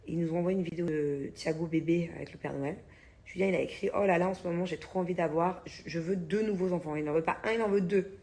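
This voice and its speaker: A woman's voice: lowish voice, quick pace, mellow. A woman in her thirties chatting casually to her followers in a vlog, blunt and chatty, swearing and laughing often. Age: 30s. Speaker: vlogger.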